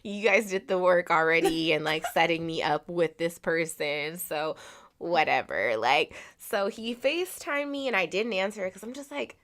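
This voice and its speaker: Candid, low-voiced woman telling a dating story. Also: normal speed, a bit bright. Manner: candid, storytelling with frequent "like" and swearing. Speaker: podcast co-host. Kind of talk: casual chat.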